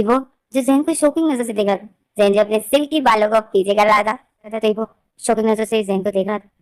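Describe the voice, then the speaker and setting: A woman's voice: medium pitch, no room sound. A woman casually narrating her own fan fiction story in a repetitive, conversational way.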